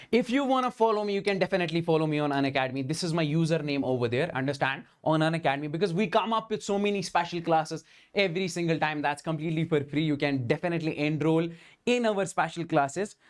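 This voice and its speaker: A man with a Kashmiri Indian accent speaks in a fairly high voice as a physics teacher running a live class. He addresses his students directly and keeps checking that they follow. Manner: repeatedly checks in with okay and understand.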